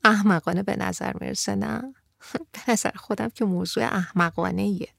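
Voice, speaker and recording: A woman's voice: mid-range voice, vocal fry, no echo, clean studio sound. A woman reading a serious teenage girl. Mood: earnest. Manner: earnest, reflective, sometimes laughing softly.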